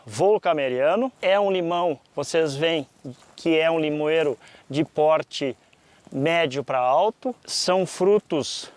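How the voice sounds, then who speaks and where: A man with a southern Brazilian accent and a slightly high-pitched voice talks as a teacher would. He explains things to viewers deliberately, often pausing mid-sentence to find the next phrase. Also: no echo. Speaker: presenter of a fruit-growing lesson.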